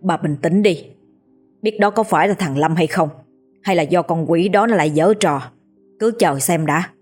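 A guilty old patriarch snaps and shouts at his wife in a rough, commanding tone. Fear and bluster run together in him, as a woman narrator puts him on. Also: lowish voice, moderate pace, faint music behind, close to an everyday voice. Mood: angry. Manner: harsh barking orders. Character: domineering old patriarch, frightened yet quick-tempered.

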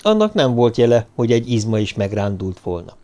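Male audiobook narrator, mid-pitched. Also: big pitch swings, warm tone.

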